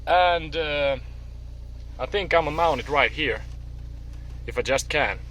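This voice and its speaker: A man with a Finnish accent gives a casual, offhand car-hobby vlog. His pitch is average to slightly high for a man, and clear vehicle noise runs around his informal, mildly sweary talk. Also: takes it slowly, fairly bright tone. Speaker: car hobbyist video host. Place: in a car on a parking lot.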